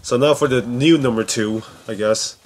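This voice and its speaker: A man with a mid-range voice, speaking at a moderate pace, gives a sarcastic and casual countdown of video game scenes. Swearing and incredulous reactions come up often, and music plays in the background.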